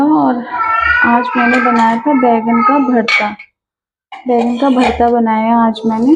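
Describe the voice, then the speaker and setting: A woman's voice: fairly high pitch, darkish tone, muffled recording. Weary mother vlogging at home. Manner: weary, soothing a sick child. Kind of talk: casual home vlog. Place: home kitchen.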